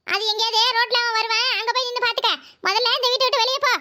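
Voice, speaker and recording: A woman's voice: very high voice, fairly even intonation, rapid-fire, sharp tone. A woman voicing a harsh, scheming mother-in-law who scolds and threatens. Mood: scolding.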